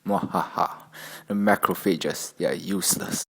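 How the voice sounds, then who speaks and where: A man playing a boastful tuberculosis bacterium as a theatrical villain with slow menace in an amateur educational skit. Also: medium pitch. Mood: gloating menace.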